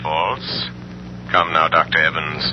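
An actor playing a cool, shrewd male mystery avenger in 1930s radio style, measured, knowing and imperious. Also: a bass voice, fairly even intonation. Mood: cool, probing. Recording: muffled, noisy old radio recording.

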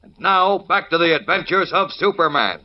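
A man's voice: sits high, expressive, normal speed. An American man narrating a 1940s radio serial from a script in a dramatic, suspenseful way. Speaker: narrator and announcer. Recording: dull old radio broadcast recording.

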